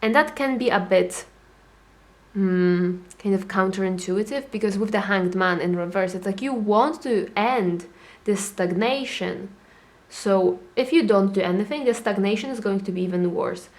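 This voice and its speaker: A young adult woman giving a casual tarot reading, chatty and animated, acting out little inner voices as she talks. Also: medium pitch, normal speed. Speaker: tarot reader.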